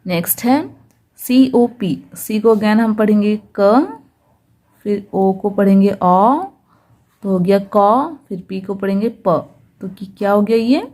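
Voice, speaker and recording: A woman gives a phonics lesson at an unhurried pace, spelling out each word letter by letter. Her voice is soft and mellow, and she repeats every sound patiently. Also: mid-range voice. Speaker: English teacher.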